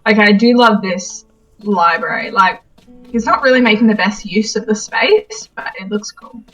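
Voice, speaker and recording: A young woman co-hosting a let's-play, rambling relaxed and full of "like" as she explores the game. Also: medium pitch, normal speed, far from the mic, soft background music, rough recording. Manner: relaxed, rambling, uses "like" a lot. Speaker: co-host playing a game. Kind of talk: casual let's-play chat.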